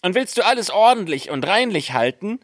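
A man voicing a group of little male dwarfs in a storybook reading, with a high squeaky voice. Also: very animated, fairly quick, a bit bright, dry recording, clean studio sound, exaggerated voice. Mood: friendly.

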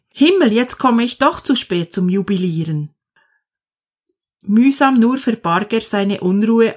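Female narrator, slow, calm storybook read, mid-pitched voice. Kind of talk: storybook reading.

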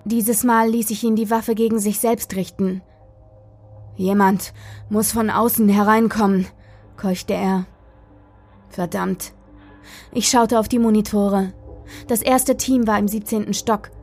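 A woman's voice: medium pitch, steady tone, a little slow, darkish tone, soft background music. A woman narrating a first-person horror story in a tense, dramatic reading.

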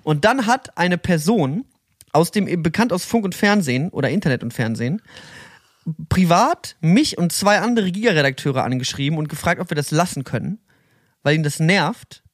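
A man's voice: fairly high pitch, expressive, moderate pace, no room sound, studio quality. A man in his thirties co-hosting a podcast, chatting casually with swearing and slang. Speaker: podcast co-host.

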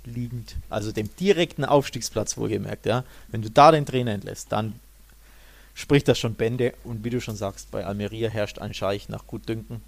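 Casual male podcast co-host, creaky voice. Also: lowish voice, normal speed. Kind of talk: casual football podcast chat.

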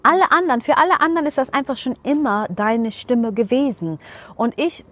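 A woman, a professional speaker and singer, explains things in a relaxed interview with blunt, colloquial humor. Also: fairly high pitch, moderate pace. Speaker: voice coach and seminar leader.

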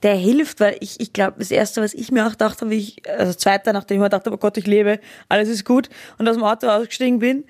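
A woman, co-hosting a podcast, listening closely, asking quick questions and sharing her own view. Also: medium pitch, steady tone, darkish tone, dry recording, studio quality. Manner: engaged listener, frequent backchannel, quick questions. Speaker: podcast co-host. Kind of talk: casual chat.

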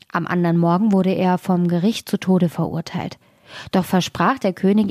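A woman reading a fairy tale aloud as a podcast host, in a measured, even storytelling manner. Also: lowish voice, dry recording, clean studio sound.

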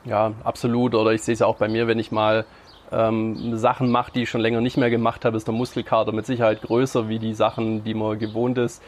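A man explaining training ideas in casual podcast talk, halting with frequent fillers. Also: fairly low pitch, monotone. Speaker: podcast guest.

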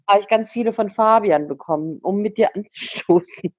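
A woman's voice: medium pitch, brisk, a little mellow, husky, dry recording, muffled recording. A woman co-hosting a podcast over a video call, chatty and giggly, teasing her co-host.

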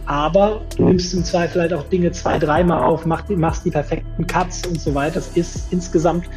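A man with a fairly high voice, heard on a low-quality home-office recording. His voice booms with strong echo and a long reverb tail, and the sound is muffled and lo-fi. He explains at length as an interview guest, often pausing on filler sounds. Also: steady tone, music in the background. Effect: low-quality home-office recording with heavy room reverb and no proper mic. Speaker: interview guest, event entrepreneur. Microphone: unsuitable microphone. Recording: echoey lo-fi reverberant room.

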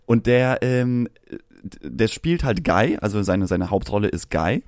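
Relaxed man chatting, dry sound. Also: lowish voice, unhurried, no echo. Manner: relaxed, chimes in, some filler hesitations. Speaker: podcast co-host. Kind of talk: casual chat.

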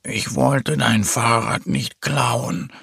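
A man's voice: fairly low pitch, lively intonation, moderate pace, vocal fry, bright, forceful tone, husky, no echo, clean studio sound, voice pushed down, exaggerated voice. A man voicing an eager, clumsy little male bear in a children's storybook.

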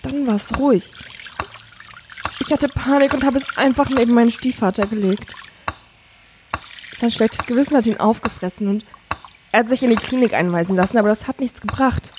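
A woman's voice: a little high, normal speed, long pauses, background noise, natural voice. A woman playing Rebecca, a desperate young woman. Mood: confessing. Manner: pleading, desperate.

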